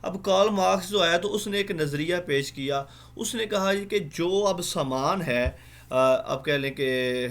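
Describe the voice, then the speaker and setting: Teaching an online exam-prep class, a man speaks in a fairly high, fairly bright voice. He goes slowly, uses many fillers, and spells out words letter by letter.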